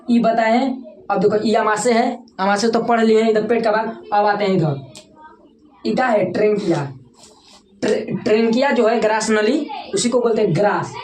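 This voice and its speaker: A woman teacher with a Bhojpuri-tinged Hindi accent lectures a class in a slightly high voice. She repeats each key term and asks students to say it back. The recording has a roomy echo and a faint hiss of background noise. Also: darkish tone. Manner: repeats key terms and quizzes students for answers.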